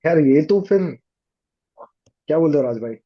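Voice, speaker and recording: A man's voice: on the high side, lively intonation, normal speed. A man giving practical dating advice in a casual podcast chat, mixing Hindi with English. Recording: dull lo-fi audio.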